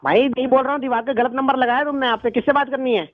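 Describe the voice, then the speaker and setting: A man's voice: extremely high pitch, steady tone, fast, dry recording, narrow, tinny audio. A man being pranked on the phone, confused and defensive, insisting he is not who the caller thinks. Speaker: prank call target.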